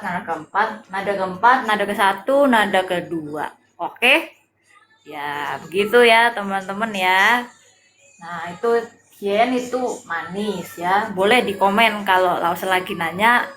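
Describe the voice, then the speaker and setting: A young woman teaching Mandarin in a live-streamed lesson, explaining slowly and patiently, often pausing on "nah" and "ya". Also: mid-range voice, sharp tone, a little hiss or hum.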